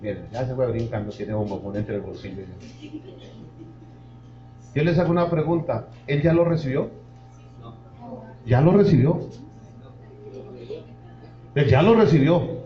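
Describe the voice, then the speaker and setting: A male pastor preaches with fervor in a medium-pitched voice with lively intonation, going a little slowly and pausing often as he addresses the congregation directly. The church hall recording sounds roomy and dull.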